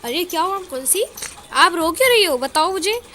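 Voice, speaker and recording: A woman's voice: extremely high pitch, lively intonation, moderate pace, pushed and bright, slight background noise, voice pushed up, heavily acted. A woman voicing an earnest young boy who adores his aunt.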